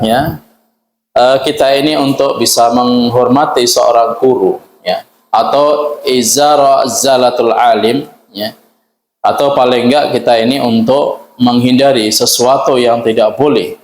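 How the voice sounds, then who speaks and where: A man's voice: mid-range voice, a little hiss or hum. A man giving an Islamic study lecture as a teacher, explaining patiently, often adding a tag word and reciting Arabic phrases. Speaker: ustadz teaching a religious text. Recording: echoey room.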